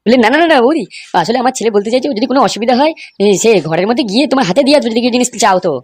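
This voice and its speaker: A woman voicing men in a crude comic cartoon, talking in rapid, coarse, scolding banter. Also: on the high side, darkish tone, slight background noise.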